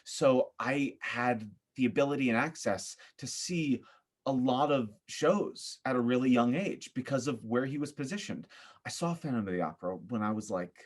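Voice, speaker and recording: A man from upstate New York with an American accent speaks casually as a podcast guest. At medium pitch and moderate pace, he tells stories in an animated, opinionated, emphatic way.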